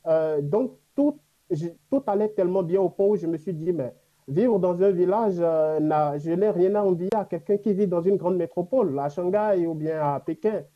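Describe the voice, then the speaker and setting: A man from Africa who speaks an African language natively and lives in China answers questions in an unscripted panel interview. He's reflective and earnest, pausing with hesitations. His high voice moves at a moderate pace, and the recording is muffled.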